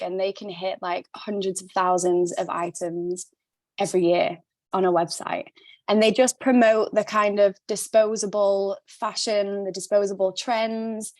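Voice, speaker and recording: Recorded dry on a close mic, this mid-pitched woman is a sustainable stylist appearing as a guest on a laid-back podcast interview. Not a Glasgow native but living there now, she has a faint Glaswegian tinge mixed into her accent. She's passionate and blunt, curses freely, and laughs a lot.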